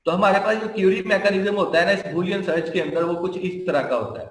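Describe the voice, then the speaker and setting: A man gives a computer science lecture, walking through each step slowly and going over points again. His voice sits high for a man. The room is echoey. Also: slight background noise. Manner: explains step by step, repeating points.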